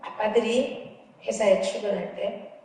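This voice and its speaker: A middle-aged woman lectures in a lively, humorous way and acts out little dialogues. She sounds distant from the mic, and long reverb rings through a large hall. A faint noise runs underneath. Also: medium pitch, unhurried, gravelly. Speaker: counseling psychology professor giving a lecture. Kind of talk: lively lecture with acted anecdotes. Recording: echoey hall from far off.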